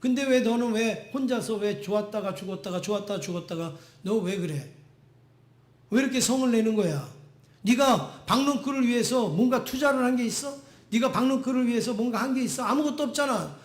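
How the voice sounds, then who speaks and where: A man's voice: very high voice, brisk. A man pastor voicing God as a stern figure scolding a sulking prophet with rhetorical questions. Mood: chiding. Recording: echoey church room.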